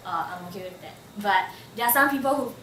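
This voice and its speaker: A chatty Singaporean interviewee in her 20s recounts personal stories, using "like" constantly. She talks fast in an expressive, medium-pitched voice with a sharp tone. The mic sits at a distance in a roomy space, catching faint ambience and a little hiss or hum.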